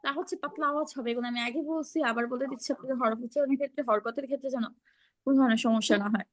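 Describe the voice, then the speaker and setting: A woman's voice: high-pitched, fairly even intonation, very fast. A woman teaching pronunciation in an online class, patiently explaining and modeling each sound over a video call.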